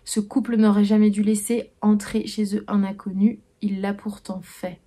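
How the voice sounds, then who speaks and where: A young woman chats through her new books in a relaxed vlog, thinking out loud and stumbling over restarts. Her voice is mellow and warm, sitting at a middle pitch. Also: normal speed. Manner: hesitant, full of "euh" and restarts, musing aloud. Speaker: book vlogger. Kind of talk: casual chat about received books.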